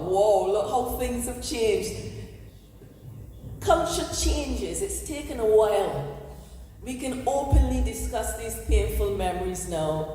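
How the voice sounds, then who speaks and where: A woman's voice: a little high, a little mellow. A woman hosting a community talk in a church, speaking earnestly to an audience through a handheld microphone. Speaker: event host and historian. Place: large echoey church hall. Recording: echoey hall, room noise.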